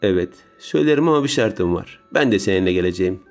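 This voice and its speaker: A man's voice: sits low, animated, fast talker, darkish tone, soft background music. A man voicing an earnest, determined young woman who pleads urgently, in a raised voice, in an audiobook reading. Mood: pleading.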